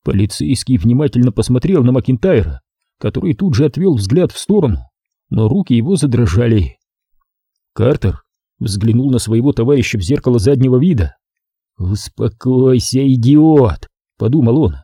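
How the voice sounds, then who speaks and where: A male narrator reading a crime thriller aloud with a lively, rising and falling pitch. His voice is mellow and somewhat husky. The recording is dry and close, with no room sound. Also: fairly quick, dry recording. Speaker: audiobook narrator. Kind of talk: scripted narration.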